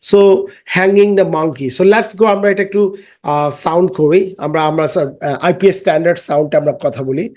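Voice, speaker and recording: A man teaching children an English lesson. He chants rhymes and sounds slowly, stretches each word and explains patiently. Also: a little high, darkish tone. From Bangladesh. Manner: explains patiently, mixing English into his speech.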